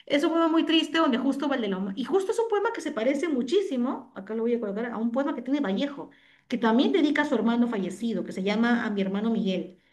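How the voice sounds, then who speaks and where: A woman's voice: fairly high pitch, expressive, quick pace, a little mellow. A woman literature teacher, explaining patiently over a video call and often checking in with tag questions. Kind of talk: online class explanation.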